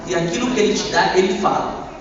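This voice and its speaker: A man giving a church testimony, impassioned, swinging between loud outbursts and hushed lines. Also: high-pitched, fast talker, crowd noise. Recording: echoey church hall from far off, dull sound.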